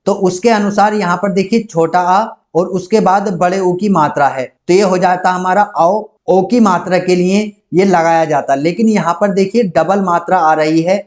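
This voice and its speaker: A man's voice: high voice, steady tone, moderate pace, few pauses. A man teaching an online grammar lesson, walking through each rule and example in a methodical, repetitive way.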